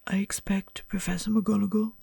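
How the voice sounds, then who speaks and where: A woman voicing a calm, gentle old male wizard in whispered role-play, soft and lightly whimsical. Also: medium pitch, normal speed, gravelly, slightly rough, dry recording, clean studio sound, full character voice.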